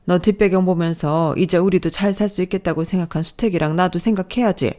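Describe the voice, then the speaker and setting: A woman's voice: lowish voice, quick pace, dark tone, lightly acted. A woman reading a scolding, snobbish mother-in-law. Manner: scolding, belittling. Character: scheming middle-aged mother-in-law, sharp and snobbish. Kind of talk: scripted story narration.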